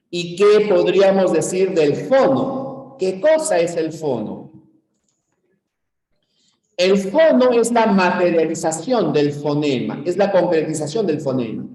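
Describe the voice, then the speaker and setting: A man from Peru teaching a university-prep lecture, explaining step by step and checking in with the class through quick questions. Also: on the high side, dark tone. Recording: echoey room.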